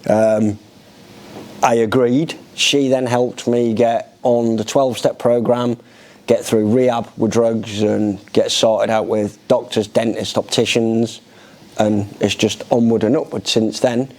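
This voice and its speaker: A middle-aged charity resident with a British accent answers interview questions about his own life in a relaxed, conversational way from an armchair in an indoor lounge. He speaks slowly and flatly, his medium-pitched voice carrying a darkish tone.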